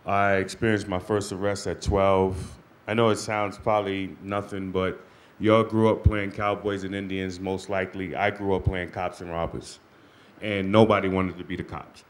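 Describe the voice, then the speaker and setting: Deep-voiced man in his forties. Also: little pitch movement, normal speed. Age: 40s. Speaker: program participant. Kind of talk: telling his life story on stage.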